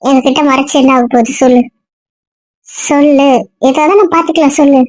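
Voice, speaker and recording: A man doing a high-voiced coaxing best friend. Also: steady tone, a little fast, dry recording, lightly acted. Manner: coaxing, reassuring.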